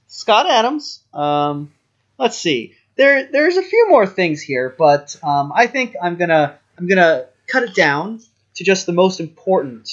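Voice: medium pitch, dull audio. A podcast co-host talking casually and hesitantly, with many ums and a wry tone. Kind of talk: casual chat.

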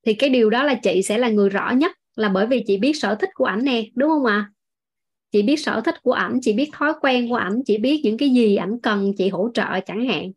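A woman's voice: a little high, a little fast, slightly rough. A woman with a Southern Vietnamese accent teaching a class in a chatty style, laughing often and speaking to her listeners as family. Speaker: course instructor. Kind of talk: online class lecture with storytelling.

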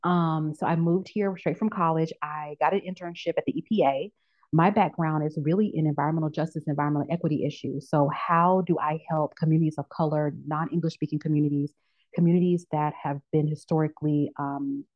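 Name: none. Sex: woman. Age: 30s. Role: podcast guest. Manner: animated storyteller, lowish voice. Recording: dull lo-fi. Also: brisk. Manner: animated storyteller who acts out quoted voices. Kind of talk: casual podcast interview. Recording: dull lo-fi audio.

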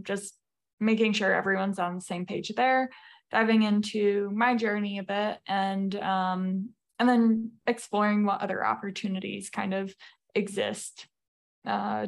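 A woman speaking as a podcast guest over a video call, explaining at a measured pace with frequent fillers. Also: medium pitch, creaky. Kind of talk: presenting slides in a remote interview.

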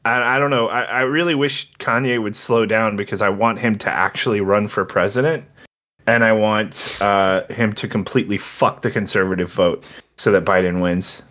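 A man's voice: on the low side, steady tone, normal speed, a bit bright. A man talking as a podcast guest in casual chat, blunt and opinionated, swearing freely.

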